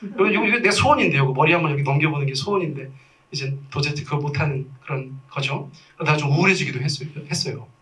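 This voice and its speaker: A man in his forties preaching from a church pulpit, in a bright and forceful voice that sits a little high for a man. He tells his stories with lively self-mocking humor and acts out the lines he quotes. The sound is picked up from some distance away from the mic. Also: quick pace. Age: 40s. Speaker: pastor. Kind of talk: sermon. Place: church sanctuary.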